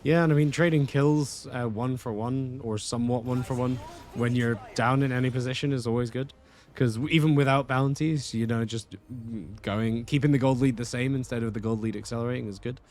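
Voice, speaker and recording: A man's voice: medium pitch, fairly even intonation, brisk, darkish tone, a little hiss or hum. Casual man giving esports analysis. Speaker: esports co-caster. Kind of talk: live esports color commentary.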